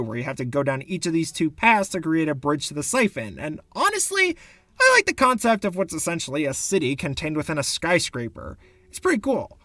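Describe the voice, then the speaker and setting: A man's voice: a little high, fairly bright tone, dry recording. A man giving sarcastic, exasperated commentary for a video game review essay, into a close mic.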